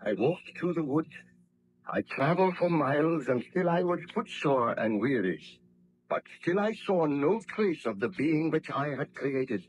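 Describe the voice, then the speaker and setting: An actor playing a guilt-ridden, commanding baron scientist in a formal, declamatory 1930s radio drama style. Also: male voice, on the high side, lively intonation, unhurried, slight background noise. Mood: grave, haunted. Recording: muffled old radio drama recording.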